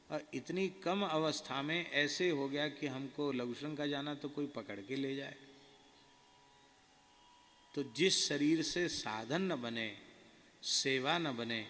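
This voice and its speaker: A man telling a devotional story as a sermon, slow and earnest. His voice has a gravelly edge, and it rings out with a long echo, as in a hall, over faint background noise. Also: medium pitch, a bit bright. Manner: slow, earnest, recounting in first person. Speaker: spiritual preacher.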